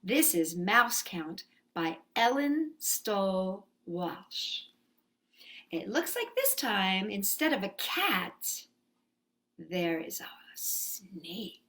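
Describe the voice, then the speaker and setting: A woman with a mid-range, fairly bright voice runs a children's story time, speaking in a very slow, sing-song way. She reads aloud expressively, sings along with the kids, and puts simple questions to them.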